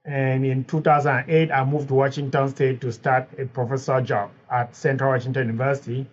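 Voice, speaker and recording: A man's voice: mid-range voice, flat delivery, a little fast. A middle-aged man from Cameroon, earnestly telling his story as a podcast guest. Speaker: podcast guest, biology professor. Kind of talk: interview answers. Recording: dull lo-fi sound.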